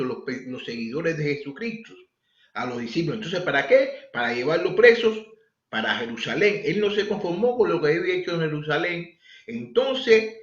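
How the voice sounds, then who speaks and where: A man teaching a bible study sermon, asking his listeners questions as he explains the passage. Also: a little high. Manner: animated, asks the listeners questions. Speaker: preacher. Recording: echoey, lo-fi room recording.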